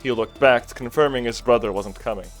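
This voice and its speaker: A man's voice: mid-range voice, a little fast, soft background music. A man chatting and reading a story aloud with friends, laughing and playful. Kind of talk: casual group reading and chat.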